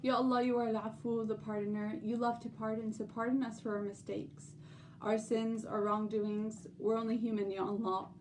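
A woman hosting a religious lesson podcast, gently explaining and reading translations and prayers aloud. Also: on the high side, little pitch movement, moderate pace, distant mic, slight background noise, low-quality recording. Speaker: podcast host.

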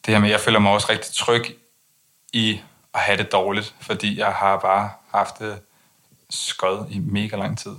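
A young man speaking in a monotone, low-key way with many hesitant restarts, talking candidly as an interview guest. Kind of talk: candid personal conversation.

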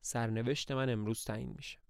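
A man's voice: mid-range voice, fairly even intonation, vocal fry, clear, resonant tone, no room sound, studio quality, close to an everyday voice. A man reading the lines of an anxious aging woman who owns an estate, in a plaintive, pleading way.

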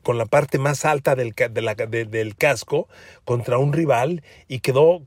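In clean, dry studio sound, a man with a Mexican Spanish accent speaks unhurriedly in a mid-range voice. He hosts a sports podcast, delivering a commentary monologue with emphasis. Repeating words for stress, he calls listeners his friends.

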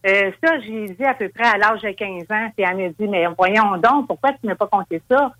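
A woman's voice: mid-range voice, normal speed, a bit bright, no echo. A woman with a Québécois French accent calling in to a radio show, telling her own story earnestly. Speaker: caller. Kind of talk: phone-in storytelling.

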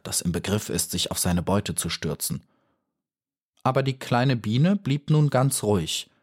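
A man reading a children's storybook as audiobook narrator, calm and measured. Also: on the low side, slightly rough.

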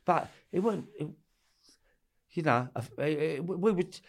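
A man's voice: on the high side, lively intonation, unhurried. A middle-aged man with an Essex and East London accent, talking casually as an interview guest, blunt, slangy and sweary as he tells stories. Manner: blunt, slangy and sweary, with repeated tag questions. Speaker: interview guest recalling his past in club door security. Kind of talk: casual conversational storytelling.

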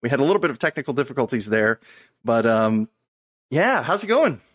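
A man's voice: mid-range voice, sing-song, brisk. A man hosting a podcast, introducing the topic and his guest in a loose, friendly, rambling way. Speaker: podcast host. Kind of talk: casual podcast conversation.

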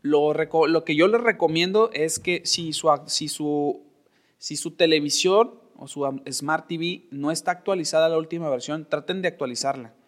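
A man's voice: fairly high pitch, normal speed. A man from Monterrey, Mexico, with a northern Mexican accent, hosting a casual solo podcast, opinionated and chatty, laughing often and mimicking people. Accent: Monterrey Mexican Spanish. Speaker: podcast host.

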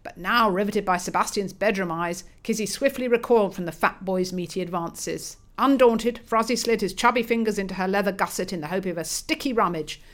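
A woman narrating a comic audiobook with brisk, crisp storytelling. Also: medium pitch.

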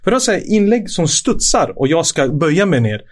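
A man in his forties, a former footballer guesting on a podcast, telling lively, swear-laden stories and laughing through the punchlines. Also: a little high. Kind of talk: casual anecdote telling.

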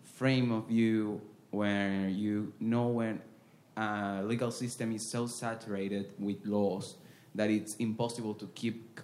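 A man from Venezuela asking a question from the audience, speaking hesitantly with many pauses and restarts. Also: lowish voice, little pitch movement, a little mellow.

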